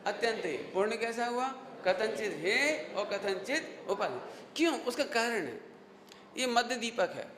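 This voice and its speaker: A man's voice: high-pitched, sing-song, a little slow, crowd noise. A man giving a religious lecture who keeps quizzing his audience and drilling key phrases with repeated rhetorical questions. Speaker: Jain scholar giving a lecture. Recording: echoey hall with faint noise.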